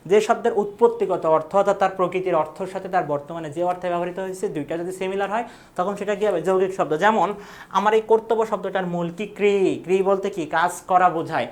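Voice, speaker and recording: A woman's voice: on the low side, fairly quick. A young woman teaching an exam prep lecture, asking questions and answering them herself. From Bangladesh.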